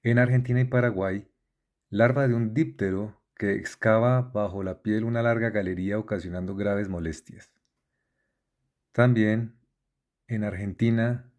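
A man with a low, dark, mellow voice reads through a word list at a very slow, deliberate pace. He spells out each letter and accent mark carefully, like a dictionary being read aloud. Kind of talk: slow dictionary-style reading.

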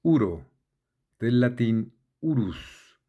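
A man reading a list of words with their definitions, slowly and methodically spelling out letters and accent marks. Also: mid-range voice, sing-song, narrow, tinny audio. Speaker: word list reader. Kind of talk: slow dictionary-style reading.

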